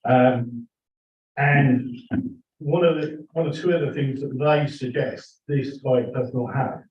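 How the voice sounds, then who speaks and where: A man giving a formal public statement to a committee, halting and earnest, recorded in a meeting room. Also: mid-range voice, slight background noise. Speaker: member of the public addressing a committee. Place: indoor council meeting room. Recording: echoey, distant, muffled meeting-room recording.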